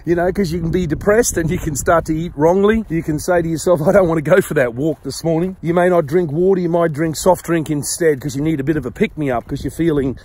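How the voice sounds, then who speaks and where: A man's voice: on the high side, fast, few pauses, a little mellow, a little hiss or hum. A man, a pastor, giving an earnest, encouraging talk outdoors while walking down a mountain, slightly out of breath. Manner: earnest, encouraging, conversational preaching. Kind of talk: casual devotional vlog talk.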